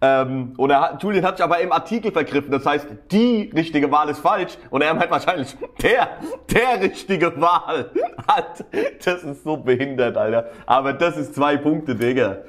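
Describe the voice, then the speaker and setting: A man's voice: a little high, normal speed. A man casually commenting on a rap battle as a tutorial host, slangy and enthusiastic, often laughing.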